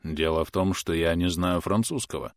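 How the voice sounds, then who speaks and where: A calm, sly working father, voiced by a male narrator, deadpan and unhurried. His voice sits very low, and the recording is dry and close. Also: no echo, lightly acted.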